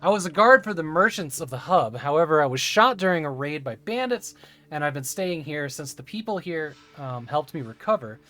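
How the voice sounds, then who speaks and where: Calm male ex-caravan guard in a game, read out by a man, fairly high, faint music under. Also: moderate pace. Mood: matter-of-fact. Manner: plainly read game dialogue.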